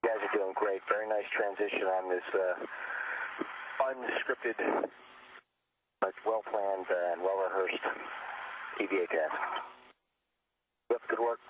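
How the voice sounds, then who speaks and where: A man at mission control talking over a narrow-band radio link, calmly giving a spacewalk crew step-by-step procedural instructions. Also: deep voice, a little slow, long pauses. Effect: narrow-band space-to-ground radio link. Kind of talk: live mission radio communication. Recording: noisy, tinny radio loop.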